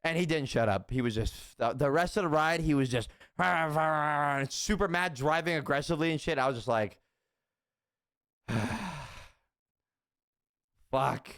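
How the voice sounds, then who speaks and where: A man's voice: fairly high pitch, moderate pace, a bit bright, clear, resonant tone, dry recording, studio quality. A young man casually telling stories, swearing often, repeating his phrases and laughing as he talks. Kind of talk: casual storytelling chat.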